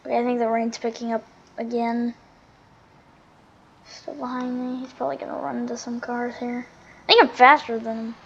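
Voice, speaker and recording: Woman, higher-pitched voice, casual gameplay commentary, chatty self-talk, uneven volume from mutters to exclamations, dull lo-fi recording. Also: level tone, normal speed, creaky, long pauses, fairly bright tone, breathy edge. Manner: chatty running commentary, often talking to self. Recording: dull lo-fi microphone sound.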